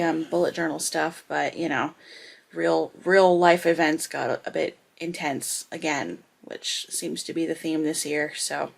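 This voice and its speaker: A woman's voice: fairly low pitch, vocal fry. A woman chatting casually in a home vlog, rambling with many fillers, her throat a little dry and scratchy, recorded on a small camera's built-in mic. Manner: rambling, filler-heavy talk. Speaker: vlogger. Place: at home indoors. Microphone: compact vlogging camera's built-in mic.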